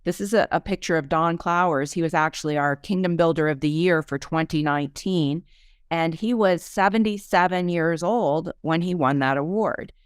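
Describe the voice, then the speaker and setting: A woman's voice: lowish voice, normal speed, clear, resonant tone, dry recording, studio quality. A woman hosting a faith-based business podcast, teaching in an emphatic, preachy way and reading testimonials aloud. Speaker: podcast host and business coach. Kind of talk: motivational teaching talk.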